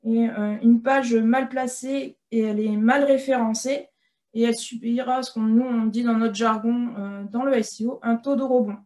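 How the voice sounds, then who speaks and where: Hesitant higher-voiced woman presenter. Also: fairly even intonation, warm tone. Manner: hesitant, frequent filler pauses. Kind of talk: online webinar presentation.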